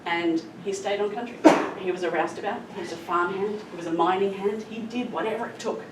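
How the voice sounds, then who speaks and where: A woman's voice: mid-range voice, a little fast. A middle-aged woman giving an explanatory public presentation as a conservation scientist, telling the story in an earnest, emphatic way. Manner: earnest, emphatic with stressed adverbs. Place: echoey room, recorded from a distance. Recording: roomy echo, distant mic, clear background noise.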